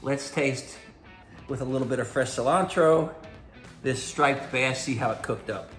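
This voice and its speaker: A man's voice: mid-range voice, a little slow, fairly bright tone, reverberant, soft background music. A middle-aged man hosting a casual vlog, tasting a meal he cooked, with a folksy, enthusiastic manner. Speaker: host.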